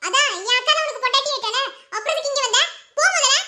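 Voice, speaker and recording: A woman voicing a sharp-tongued young woman in a cartoon, with a Madurai Tamil accent and a mocking, accusing way of talking. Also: very high voice, exaggerated voice. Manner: mocking, accusing, quick retorts. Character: sharp-tongued young woman, the sister-in-law who stirs trouble.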